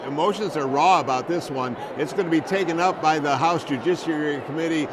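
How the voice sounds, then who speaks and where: A man reporting in an unscripted news discussion, explaining things in a halting, measured way. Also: a little high. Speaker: public broadcasting reporter. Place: noisy capitol building. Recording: noisy hall, loud waterfall-like din.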